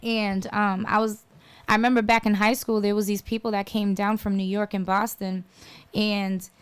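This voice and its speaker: A chatty woman talks casually as a podcast guest. Her voice is smooth and clear, and she keeps checking in with "you know what I mean." She laughs easily between stories. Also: mid-range voice, level tone, moderate pace. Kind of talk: casual interview chat.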